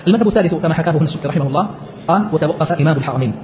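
Man lecturing really fast, a bit high, muffled lo-fi recording. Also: background noise. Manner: quick scholarly explanation, rhetorical questions. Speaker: teacher. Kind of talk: explaining a text.

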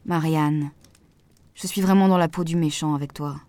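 A woman voicing a calm, soft-spoken man in an audiobook, speaking gently and with measured words. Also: on the low side, dry recording, close to an everyday voice. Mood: gentle firm. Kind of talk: audiobook dialogue reading.

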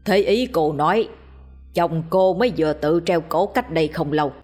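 A woman voicing a stern old male village exorcist with a hoarse, aged voice, speaking curtly and giving orders. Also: fairly high pitch, normal speed, darkish tone, soft background music, close to an everyday voice. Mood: probing. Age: older. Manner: curt, commanding.

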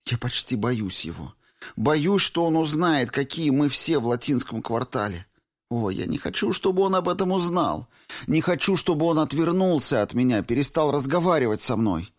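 Audiobook: male reader voicing an earnest young woman, raised and pleading, lively intonation. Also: normal speed, lightly acted. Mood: anxious. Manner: raised pitch, emphatic and pleading. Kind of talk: audiobook reading.

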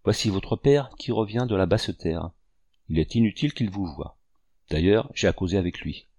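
Un homme qui joue un vieux chasseur doux et paternel, au ton tendre et posé. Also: male voice, sits low, normal speed, breathy edge, no echo, studio quality, full character voice. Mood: calm. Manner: tender, calm. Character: older man, gentle fatherly hunter.

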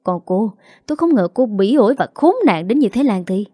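An enraged husband speaks in a harsh, cold and accusing way, as a woman narrator voices him in a storybook reading. The voice is mellow, with a dry and close sound. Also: medium pitch, expressive, a little fast, dry recording, natural voice. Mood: angry.

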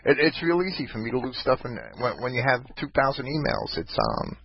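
Rambling, ranting man host, lively pitch. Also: fairly quick, gravelly, husky, no room sound. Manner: rambling, ranting, many restarts. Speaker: podcast host. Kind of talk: casual call-in talk show. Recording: dull lo-fi online voice chat.

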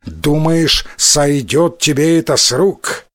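A man voicing a rude, furious giant who shouts insults and indignant threats. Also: fairly high pitch, slow pace, no echo, studio quality. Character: rude angry giant man, self-proclaimed strongest.

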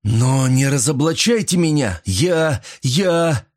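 A man's voice: medium pitch, animated, measured pace, pitched above the performer's own voice. A man voicing a panicking male card cheat who protests and begs in a raised, strained voice. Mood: desperate pleading. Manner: desperate, protesting.

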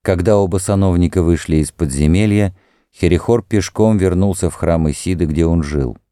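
A man narrating an audiobook in a measured, even reading. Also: low-pitched, clean tone, no room sound, clean studio sound. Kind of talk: scripted narration.

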